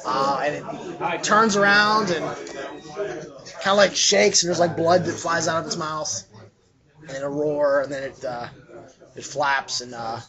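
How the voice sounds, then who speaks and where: A man working as game master, improvising narration for a tabletop game in a casual, halting way as he searches for words. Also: on the high side. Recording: dull lo-fi sound, chatter behind.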